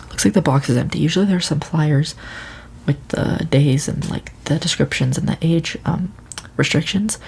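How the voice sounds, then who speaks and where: A woman playing a friendly, casual librarian in an ASMR ASMR role-play, with a hushed library voice that slips into speaks softly and halting, hesitant phrasing. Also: low voice, husky, heavily acted. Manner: hesitant, unhurried, halting delivery. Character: friendly, casual, helpful female librarian at the checkout desk.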